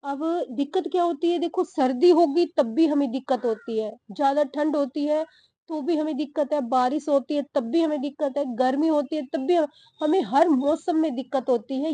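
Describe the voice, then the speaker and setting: A young woman talks to her viewers in a casual vlog, her voice high-pitched and mellow. She is short of breath and speaks slowly, pausing now and then. The sound is close and dry. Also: dry recording. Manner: slow, breathy-paced talk with pauses. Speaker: vlogger. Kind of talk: casual vlog talk to camera. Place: home garden outdoors.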